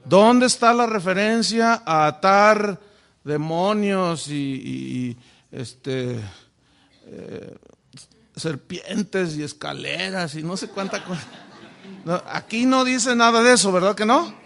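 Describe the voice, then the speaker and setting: A preacher teaches the Bible to his congregation. His voice is high for a man. He keeps throwing questions at the listeners. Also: lively intonation, takes it slowly, vocal fry, a bit bright. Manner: asks the audience many rhetorical questions. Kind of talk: sermon-style Bible teaching.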